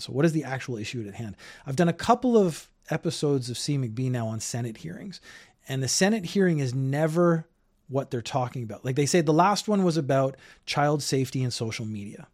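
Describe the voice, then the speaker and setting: An older Canadian man hosts his own podcast from his home in Japan, offering casual solo commentary. He rambles loosely and opinionatedly in a mid-range voice with a darkish tone.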